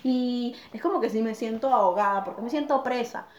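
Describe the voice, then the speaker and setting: A woman's voice: fairly high pitch, fairly quick, darkish tone, roomy sound. A woman, tipsy from wine, chatting bluntly and swearing as she lectures. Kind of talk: casual chat.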